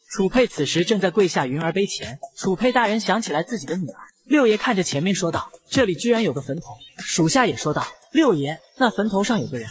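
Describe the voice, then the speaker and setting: A man with a fairly high, very lively voice narrates a comic recap. His dramatic delivery swings widely in pitch from line to line. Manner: animated, dramatic.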